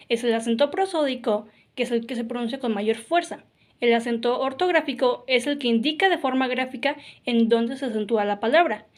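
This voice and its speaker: Fairly high-voiced woman teaching. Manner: explanatory, frequent "ok?" and "claro" fillers. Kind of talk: grammar lesson.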